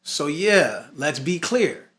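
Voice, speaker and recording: Hosting an informal talk box tutorial, this male instructor speaks slowly in a voice on the high side, fairly bright with big pitch swings. His delivery mixes scripted and conversational parts, and he emphasizes and repeats key points.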